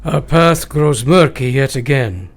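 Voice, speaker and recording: A man's voice: medium pitch, lively intonation, measured pace. A man in a radio play acting a grave, courteous older professor who leads vampire hunters, speaking formally in old-fashioned phrases. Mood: solemn warning.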